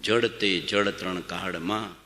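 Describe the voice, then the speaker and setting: Male preacher, devotional sermon, chanting repetitions, lowish bright voice, long hall echo. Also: steady tone, unhurried. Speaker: spiritual discourse speaker.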